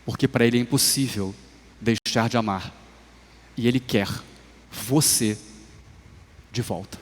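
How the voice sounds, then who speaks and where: A man with a Brazilian Portuguese accent preaching a sermon in a church. He speaks slowly and measuredly, rising to emphatic swells and then dropping to soft, low phrases. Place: church sanctuary. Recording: livestream with long hall reverb.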